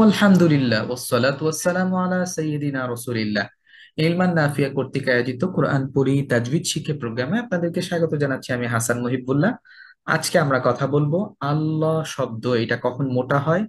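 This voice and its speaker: A man giving a recitation lesson at an ordinary middle pitch. He explains each rule step by step in a calm, steady teaching voice. He recites every example word slowly and carefully. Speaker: tajweed teacher.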